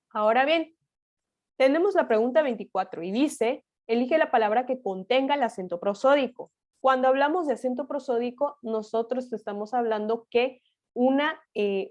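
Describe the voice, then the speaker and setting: A woman's voice: fairly high pitch, darkish tone. A woman tutor with a Mexican Spanish accent, explaining exam answers in a step-by-step grammar lesson, asking herself rhetorical questions.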